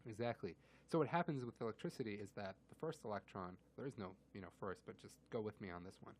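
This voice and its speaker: A man's voice: on the low side, fast, a little hiss or hum. A man co-hosting a casual radio show, explaining physics through everyday analogies and laughing often.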